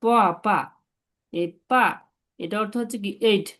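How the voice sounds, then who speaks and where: A woman's voice: medium pitch, a little slow. A woman teaching tones in a one-on-one online lesson over a video call, patiently repeating syllables for her student. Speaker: Chinese language tutor.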